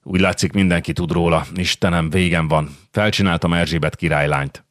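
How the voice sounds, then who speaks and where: A frightened young nobleman pleads for help in an anxious, confiding tone, as a male audiobook reader voices him. The voice sits very low and sounds dry and close. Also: fairly even intonation, a bit bright, no echo. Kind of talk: audiobook character reading.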